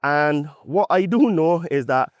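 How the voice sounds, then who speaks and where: A podcast host from Barbados, speaking with a Bajan accent, delivers an opinionated, emphatic monologue in a conversational style, frequently checking his points with a tag question. His voice is on the high side and animated, his pace unhurried, and the recording dry.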